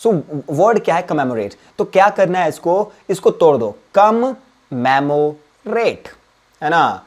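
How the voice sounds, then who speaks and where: A man teaching an English spelling lesson. He mixes Hindi and English, repeats words and spells them out letter by letter, and often clears his throat. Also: fairly high pitch, big pitch swings, normal speed, a little mellow. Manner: switches between Hindi and English mid-sentence. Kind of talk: exam-prep spelling lesson.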